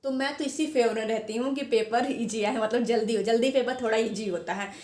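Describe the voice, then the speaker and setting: A woman talks students through exam preparation in a loose, chatty way, circling back and repeating herself. Her voice sits fairly high. The recording carries a noticeable echo of the room. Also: fairly even intonation, a little fast, darkish tone. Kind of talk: informal advice talk to students.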